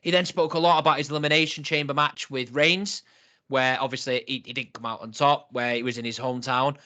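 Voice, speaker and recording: A man's voice: medium pitch, steady tone, fairly quick, bright, forceful tone. A man co-hosting a casual wrestling review chat, talking in a chatty, laughing way. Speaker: podcast co-host.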